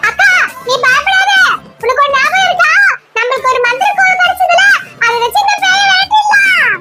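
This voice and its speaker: A woman's voice: extremely high pitch, animated, normal speed, pushed and bright, soft background music, exaggerated voice. A woman voicing a brave little boy in a cartoon, who gives bold, bossy warnings.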